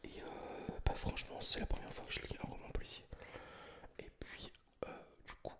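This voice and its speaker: A man whispering in a hushed, breathy library whisper, chatting informally and hesitantly about things in ASMR style. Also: moderate pace. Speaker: ASMR video creator. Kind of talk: whispered ASMR book chat.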